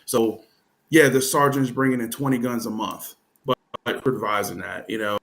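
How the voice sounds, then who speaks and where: A man's voice: mid-range voice, steady tone, gravelly, a bit bright, slight background noise. Give me a man on a video call whose audio keeps cutting in and out, fading in volume. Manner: halting, many fillers. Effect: audio cutting in and out, volume dropping and uneven. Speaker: police lieutenant panelist. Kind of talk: live online panel discussion.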